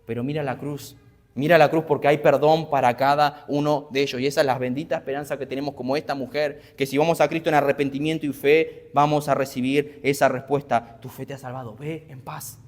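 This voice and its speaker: Earnest Argentine preacher in a reverberant church. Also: male voice, mid-range voice, steady tone, a little fast. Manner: earnest, repeats questions for emphasis. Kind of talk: sermon. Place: church hall.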